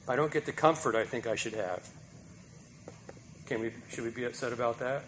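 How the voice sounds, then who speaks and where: A man's voice: mid-range voice, a little fast, a bit bright, a little hiss or hum. Man preaching with rhetorical questions. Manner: rhetorical questions, emphatic, tag "right?". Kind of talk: sermon.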